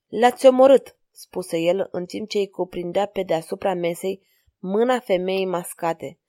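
A woman's voice: fairly low pitch, steady tone, mellow, dry recording, studio quality. A woman narrating a romantic historical novel as an audiobook, reading the story with expression.

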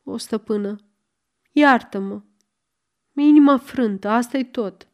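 A woman's voice: fairly high pitch, lightly acted. A woman narrator voicing a proud, grieving old servant woman in a storybook reading, lightly voiced. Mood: heartbroken.

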